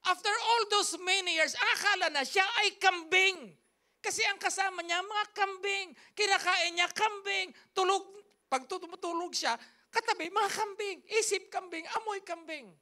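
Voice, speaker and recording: Woman preaching at church, bright high voice, hammers the same words over and over. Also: normal speed. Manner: emphatic, repetitive, rhythmic phrasing. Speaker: pastor. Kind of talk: sermon storytelling. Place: church service.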